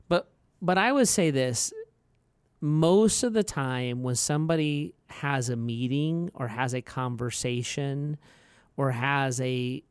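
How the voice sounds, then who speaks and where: A middle-aged man co-hosting a podcast, chatting casually and telling animated stories with frequent restarts. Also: mid-range voice, smooth, no echo. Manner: animated storyteller who acts out quoted voices; frequent restarts and filler words. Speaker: podcast co-host.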